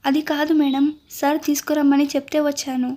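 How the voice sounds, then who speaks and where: A woman reading a polite, deferential male assistant in a storybook. The voice is high and even. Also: a little fast, close to an everyday voice.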